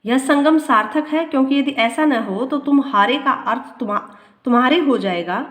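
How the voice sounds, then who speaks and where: Higher-pitched woman teaching from notes, echoey room. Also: fairly bright tone. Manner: reads a line, then repeats it slowly to explain. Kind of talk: reading aloud and explaining grammar notes.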